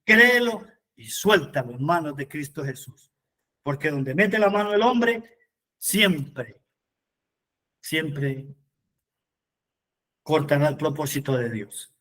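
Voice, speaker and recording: A man leads a Bible study as its preacher. His voice sits high for a man. He moves between reading scripture aloud and fervent appeals to the people listening. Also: big pitch swings, slow pace, pauses often, pushed and bright.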